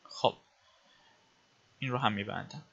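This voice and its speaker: A man walks viewers through web code in a screencast lesson, his voice bright and forceful, pausing with filler sounds as he explains each step. The audio is muffled and lo-fi, like a desktop mic. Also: fairly low pitch, vocal fry, slightly rough. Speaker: web design instructor. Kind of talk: screencast coding tutorial.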